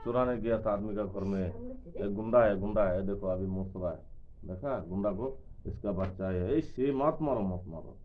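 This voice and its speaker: A man's voice: low-pitched, moderate pace. A man chatting casually to camera, coaxing and calling out to animals as he goes. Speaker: vlogger. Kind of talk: casual running commentary to camera. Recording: tinny phone-like sound with faint noise.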